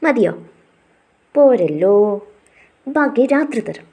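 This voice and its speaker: A woman's voice: a little high, sing-song, slow, darkish tone, breathy edge, exaggerated voice. A woman voicing a hurt, pleading young wife. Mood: shy, playful. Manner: pleading, emotional.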